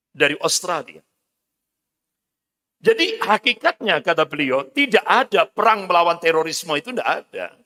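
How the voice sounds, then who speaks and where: A man's voice: high-pitched, bright, forceful tone, in a large hall. A man preaching a sermon as an Islamic preacher, emphatic and declamatory, with Quranic recitation.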